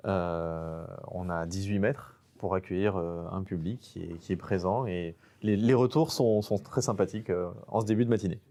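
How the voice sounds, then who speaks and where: A man's voice: deep voice, moderate pace, few pauses, dark tone. A man from French Guiana, a nature photographer, talking casually in an interview with many fillers and restarts.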